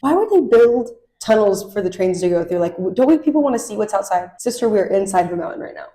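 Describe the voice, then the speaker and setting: A woman's voice: mid-range voice, expressive, quick pace, warm tone. A young woman co-hosting a casual chat podcast, ranting with exaggerated, playful sarcasm. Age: young adult. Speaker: podcast co-host.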